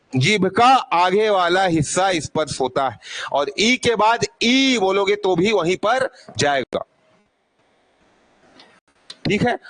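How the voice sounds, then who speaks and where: A man with a high voice teaches a class at an unhurried pace. He keeps quizzing his students, asking each question twice and prompting them to answer out loud. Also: no room sound, poor audio. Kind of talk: classroom lesson.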